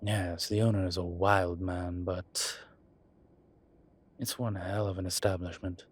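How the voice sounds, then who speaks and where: With a deep, level, husky voice, a man takes on the role of a wry, suave incubus demon professor for an intimate audio roleplay. His explanations are measured and punctuated by hesitant pauses.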